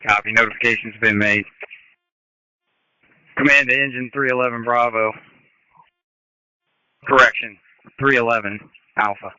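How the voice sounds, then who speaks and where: Clipped, sharp-voiced male fire commander on radio. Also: medium pitch, fairly even intonation, moderate pace, long pauses, clean tone, no room sound, muffled recording. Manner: clipped, procedural, repeats back to confirm. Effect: two-way radio. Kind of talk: fireground radio dispatch. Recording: band-limited firefighter radio transmission.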